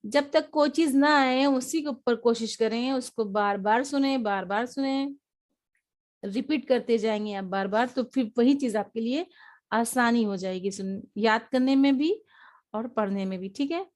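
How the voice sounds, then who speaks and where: A woman gives an online lesson on reading letters. She speaks in a fairly high voice and repeats each sound slowly and patiently, as if her students are following along. She talks over a shared screen rather than to the camera. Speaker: Quran reading teacher.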